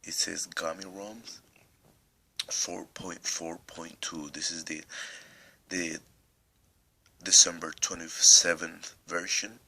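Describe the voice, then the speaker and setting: A man's voice: low voice, little pitch movement, slow pace, creaky, long pauses, sharp tone. A man with a non-native accent walking through a phone tutorial step by step, rambling a little and fighting a cough. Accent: non-native English accent. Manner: rambling, restarts often, step-by-step. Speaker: tech tutorial host. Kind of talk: casual screen tutorial.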